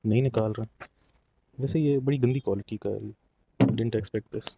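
A man's voice: on the low side, measured pace, gravelly, noisy background. A young man walking through an outdoor car lot, chatting as he explains things to the camera, with English phrases mixed in. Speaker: vlogger. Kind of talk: casual walk-through commentary.

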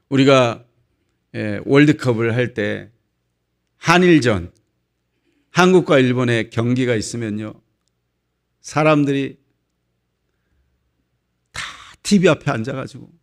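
A male pastor preaching at a dawn prayer service, telling a story with animated delivery. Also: mid-range voice, gravelly.

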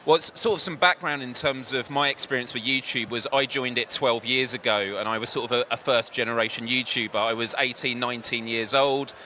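Bright-voiced young male moderator. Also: mid-range voice, steady tone, brisk, few pauses, a little hiss or hum. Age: young adult. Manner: short, interested interjections and questions. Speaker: interview moderator. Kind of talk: conversational interview. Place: event studio stage with a branded backdrop. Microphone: handheld microphone.

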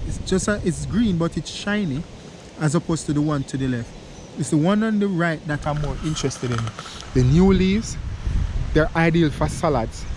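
His voice a little high and a little mellow, a man in his thirties chats and muses aloud in a casual foraging vlog, laughing at his own ideas. He films in a wooded glen with an action camera at arm's length, so the rough outdoor recording carries wind, leaf noise, and ambient sound.

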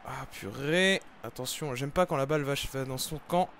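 A young man giving live commentary over his football video game, with excitable, frustrated outbursts about his bad luck. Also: mid-range voice, normal speed, a little hiss or hum. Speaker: gaming YouTuber. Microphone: desk microphone.

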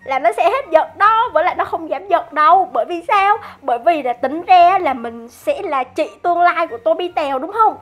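A woman giving excited game commentary, teasing and chatty, laughing often and talking straight to her viewers. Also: very high-pitched, fairly quick, hardly any pauses. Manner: addresses viewers directly. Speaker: gaming YouTuber.

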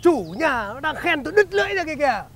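A man's voice: very high voice, animated, quick pace, a bit bright, slight background noise. An actor playing a crafty, bossy male schemer in a comedy sketch, talking down to others. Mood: smug. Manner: bossy, ends phrases with a teasing "nhá". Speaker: comic actor.

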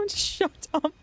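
A woman streaming a game live, giggling and teasing her chat in casual banter.

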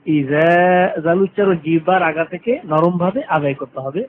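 A man teaching Quran recitation rules, repeating each rule and drawing out the verses very slowly. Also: on the high side. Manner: repeats rules and verses, stretching vowels very long. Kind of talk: tajweed lesson with slow drawn-out recitation. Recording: tinny lo-fi phone-like recording, faint hiss.

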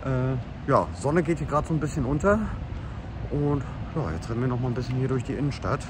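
A man's voice: mid-range voice, animated, fast. A young man chatting casually and upbeat as a travel vlogger, talking to a handheld camera outdoors. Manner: chatty and upbeat, filler-heavy. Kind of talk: casual travel vlog narration. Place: outdoors in streets, beaches and car. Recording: loud outdoor street noise.

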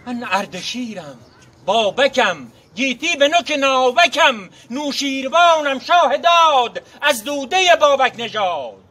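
In an extremely high, bright, and forceful voice, a man delivers a theatrical, declamatory recitation of epic verse in the naqqali storytelling style. He sounds proud, dramatic, and expressive, drawing out his words.

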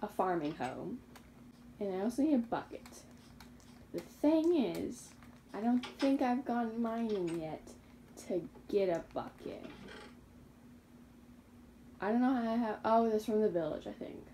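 A young woman talks through her survival game in a relaxed, rambling way, stopping to fix her own slips of the tongue. Her voice is warm and mellow. There is a faint hiss under the recording. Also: mid-range voice, a little slow, pauses often, poor audio. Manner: chatty and rambling, with self-correcting slips and laughs. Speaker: gaming YouTuber. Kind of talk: casual Minecraft gameplay commentary.

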